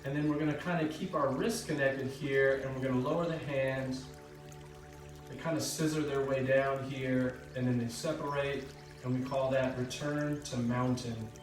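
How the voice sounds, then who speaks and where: A man instructing tai chi step by step in short, calm, measured cues. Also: medium pitch. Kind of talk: step-by-step spoken movement instruction. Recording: echoey room, far from mic, music behind. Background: music.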